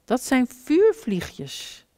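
A woman voicing a big, patient older male hedgehog who gently and kindly urges the little one along in a storybook reading. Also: high voice, wildly swooping pitch, very slow, no echo, clean studio sound, voice pushed up, full character voice. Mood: urging.

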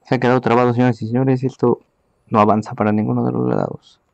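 A man casting a live esports match from home, his voice rough with fry. The sound is dry and close, with almost no room around it. He gives hurried play-by-play and speaks straight to the viewers. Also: medium pitch, flat delivery, dry recording, dull audio. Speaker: esports caster. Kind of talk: live game commentary.

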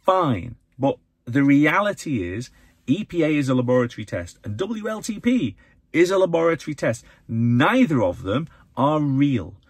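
Husky-voiced English man vlogging from his car. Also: normal speed, dry recording. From England. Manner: animated, opinionated, swings pitch up for emphasis. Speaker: vlogger, channel host. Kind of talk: casual to-camera vlog. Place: inside a parked car. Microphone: phone or camera held close in front.

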